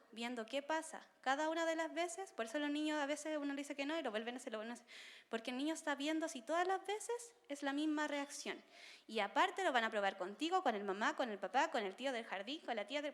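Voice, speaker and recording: A woman's voice: high-pitched, long reverb tail. A woman giving a conversational seminar talk to parents, often checking in with her listeners. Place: seminar room.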